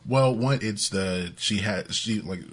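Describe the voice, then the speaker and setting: A man with a very deep, slightly husky voice co-hosts a casual podcast. He chats loosely, with fillers and frequent laughter, running through plugs and music news. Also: slow, a bit bright. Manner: chatty, laughs often, fillers. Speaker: podcast co-host.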